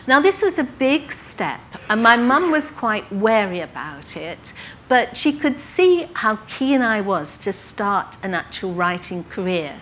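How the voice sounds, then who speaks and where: An older woman from England recounting her early writing career to an audience, in a lively anecdotal way with quoted dialogue. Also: medium pitch, unhurried, slight background noise. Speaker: author telling her life story. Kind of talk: storytelling talk to an audience.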